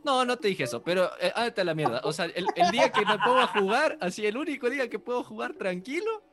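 A man's voice: high-pitched, very animated, fast. A man co-hosting a podcast in casual chat, mock-indignant and defensive, swearing through friendly banter.

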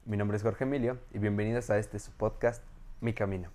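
A man's voice: lowish voice, steady tone, brisk, mellow. Chatty Mexican podcast host, man. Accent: Mexican Spanish. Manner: loose, chatty phrasing with frequent fillers. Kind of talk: casual interview.

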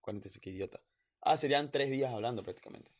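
A man's voice: medium pitch, racing. A man co-hosting a podcast in casual chat, blunt and rambling with many restarts. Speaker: podcast co-host.

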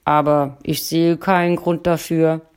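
A woman's voice: level tone, a little slow, darkish tone, clean tone. A woman voicing a grumpy, reluctant husband who grumbles, in a read-aloud story. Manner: grumbling, low. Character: grumpy middle-aged husband, sleepy and reluctant. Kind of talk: audiobook reading.

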